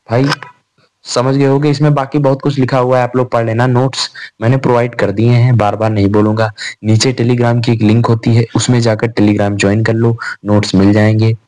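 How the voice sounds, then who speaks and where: A man's voice: medium pitch, darkish tone. Chatty young male grammar tutor. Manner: chatty, addresses students as "bhai", asks and answers his own questions. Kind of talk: informal exam revision lecture.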